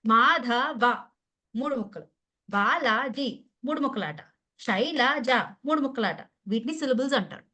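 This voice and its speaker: Brief: woman trainer, Telugu accent, higher voice, playful teasing class host on a video call. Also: lively intonation, a little slow, pushed and bright. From Andhra Pradesh or Telangana, India. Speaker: English pronunciation trainer. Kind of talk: online class.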